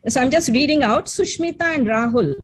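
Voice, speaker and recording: Older indian accent lady running a zoom meeting casually, husky, dry sound. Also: high voice, expressive, a little fast, dry recording. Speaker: moderator. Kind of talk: informal moderating on a video call. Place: indoor room, on a video call. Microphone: computer mic on video call.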